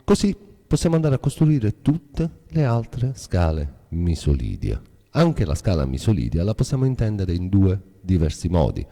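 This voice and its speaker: A man's voice: low-pitched, wildly swooping pitch, normal speed, mellow, in a large hall. A man teaching music theory as a guitar teacher, explaining step by step in a patient, methodical way.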